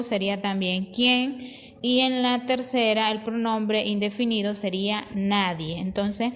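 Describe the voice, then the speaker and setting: A woman teacher explaining a grammar lesson patiently, reading from the textbook and restarting phrases as she goes. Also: on the high side.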